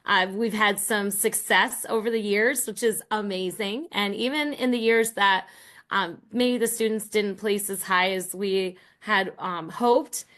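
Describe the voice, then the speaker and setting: A middle-aged American woman from Rhode Island and Massachusetts, a college professor and team coach, appears as a guest and explains her work conversationally. Her mid-range voice is unhurried and a bit bright.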